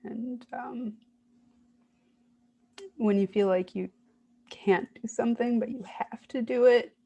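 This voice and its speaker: A woman giving a reflective, self-guided therapy demonstration, speaking in a gentle, soothing way with hesitant pauses. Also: a little high, fairly even intonation, vocal fry. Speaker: IFS parts work demonstrator.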